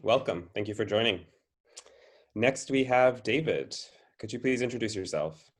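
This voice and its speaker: A man's voice: fairly low pitch, lively intonation, normal speed. Courteous man hosting a webinar. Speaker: host. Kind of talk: moderating introductions.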